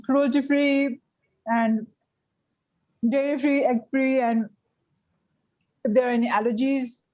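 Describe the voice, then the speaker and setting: A woman's voice: sits high, fairly even intonation, takes it slowly, darkish tone, poor audio. A woman teaching vegan baking in a casual live online class, talking with many fillers and restarts. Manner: hesitant, many fillers and restarts, laughs often. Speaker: guest vegan baking instructor. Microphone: video call.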